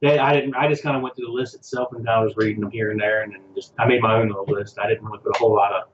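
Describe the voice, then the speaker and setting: A man's voice: lowish voice, steady tone, racing, echoey room, a little hiss or hum. Rambling man with a dull lo-fi mic. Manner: rambling, hesitant, reads a list. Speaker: podcast co-host. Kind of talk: casual chat.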